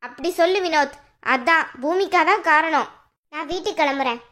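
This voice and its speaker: A woman voicing a sharp-tongued young woman in a cartoon drama who scolds and accuses her in-law. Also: high voice, normal speed. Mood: scornful. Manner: scornful, quarrelsome. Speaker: cartoon voice actor. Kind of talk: Tamil cartoon drama dialogue.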